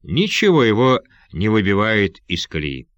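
A man voicing an admiring Bengali companion in an audiobook, pitched higher than his narration. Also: wildly swooping pitch, normal speed, a bit bright, no echo, highs cut off. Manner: admiring, plain.

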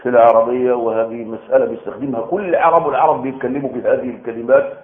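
A man with an Egyptian accent giving a colloquial religious lecture, animated, asking the audience rhetorical questions and answering them himself. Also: medium pitch, racing, narrow, tinny audio. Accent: Egyptian Arabic. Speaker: preacher giving Quran commentary.

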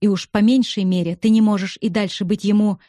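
A woman reading the part of an angry young man who presses and accuses, in a dark, mellow voice. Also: medium pitch, fairly even intonation, fairly quick, dry recording, studio quality, lightly acted. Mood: angry pressing.

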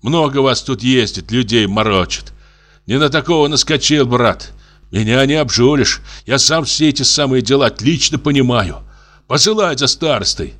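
A man voicing a quarrelsome young peasant who shouts in a high, screeching voice. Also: expressive, normal speed, close to an everyday voice. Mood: grumbling. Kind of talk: audiobook character voice.

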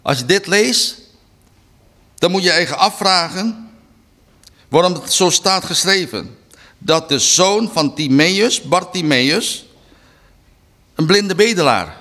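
A man giving a preaching Bible study talk, reading slowly and deliberately with emphatic restarts. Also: high-pitched, lively intonation, pushed and bright. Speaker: Bible teacher.

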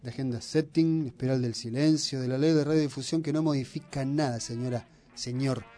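With faint music in the background, this Argentine Spanish speaker has a steady, mellow, mid-range voice and talks a little fast. As a radio host he teases his co-host and argues at length about politics, provocative and opinionated throughout.

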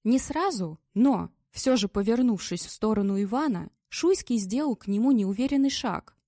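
A woman reading an audiobook chapter in a measured, steady manner. Her voice is mellow and dark yet fairly high, and the recording is dry and close. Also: dry recording. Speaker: audiobook narrator. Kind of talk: scripted narration.

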